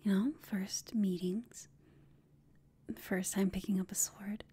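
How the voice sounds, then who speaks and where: Playing a flirtatious villainess in an intimate ASMR roleplay, a woman speaks in a mid-range, soft and mellow voice that is extremely breathy and mostly whispered. Slow and steady, she teases and taunts her enemy with smug amusement.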